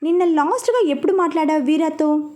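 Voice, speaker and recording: A woman's voice: sits high, a little fast, a little mellow, natural voice. A woman voicing a caring, firm woman who comforts and questions a crying friend.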